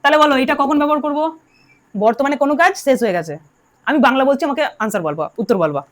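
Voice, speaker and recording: A woman's voice: high voice, sing-song, racing. A woman teaching English grammar to a class, drilling her students and telling them to answer aloud. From Bengal. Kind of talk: classroom lesson.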